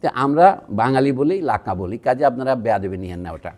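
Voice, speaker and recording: A man's voice: medium pitch, lively intonation, a little fast, darkish tone. A man from Bangladesh giving a public lecture at a university, talking in a digressive, conversational way with asides to the audience. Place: university museum hall.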